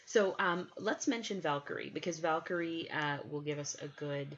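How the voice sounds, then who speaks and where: A woman's voice: deep voice, normal speed, a little hiss or hum. A woman co-hosting a podcast, chatting with enthusiasm in a casual way. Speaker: podcast co-host. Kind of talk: casual chat. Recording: dull lo-fi recording.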